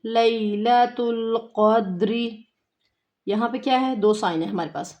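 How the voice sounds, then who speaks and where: A woman with a Pakistani Urdu accent teaching a tajweed lesson, slowly reciting verses word by word and patiently explaining the pronunciation rules. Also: mid-range voice, expressive, a little mellow.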